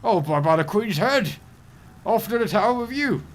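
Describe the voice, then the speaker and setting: A man's voice: high-pitched, lively intonation, normal speed, pitched above the performer's own voice. A man voicing a blustering British police officer with an exaggerated British accent, delivering pompous, indignant outbursts as a comedic impression. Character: blustering British male bobby issuing penalties.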